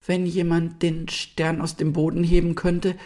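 A man reading a storybook aloud and voicing a brave, sensible young doe who speaks clearly and earnestly. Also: fairly high pitch, completely flat delivery, measured pace, a little mellow, voice pushed up, close to an everyday voice.

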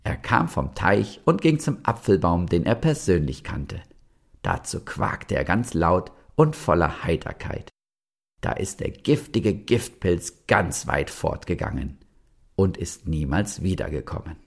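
A man reading a children's story aloud, lively and speaking directly to the children. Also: low-pitched, a little slow, gravelly, slightly rough.

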